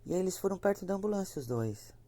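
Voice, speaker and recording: This horror storyteller has a low, expressive, warm voice and talks quickly, sounding slightly congested from a cold. She chats casually, repeats herself and addresses her listeners directly, with no echo on the recording.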